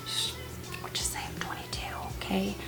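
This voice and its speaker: Music plays behind a twenty-something vlogger as she chats at a moderate pace, doing her makeup at home. It's a casual get-ready-with-me talk, full of self-deprecating remarks and quiet whispered asides.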